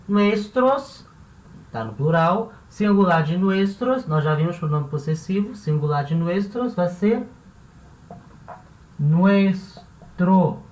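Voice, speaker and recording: A woman who teaches a language lesson. She explains each step patiently and often checks in with the class. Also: low voice. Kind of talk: classroom-style video lesson. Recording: roomy echo, voice from a distance off the mic.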